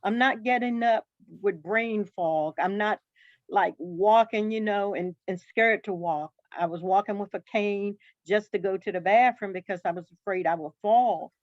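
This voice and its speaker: A woman on a video call telling her story in an emphatic, animated way. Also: mid-range voice, normal speed, no room sound. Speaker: new team member. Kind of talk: casual testimonial on a video call. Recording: dull video call audio.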